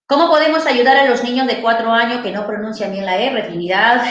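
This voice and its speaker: A woman's voice: on the high side, brisk, fairly bright tone, muffled recording. Lady psychologist answering questions, chatty lecture, lots of little tag questions, roomy echo. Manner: conversational, ends phrases with tag questions. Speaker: psychologist giving a seminar. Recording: echoey room.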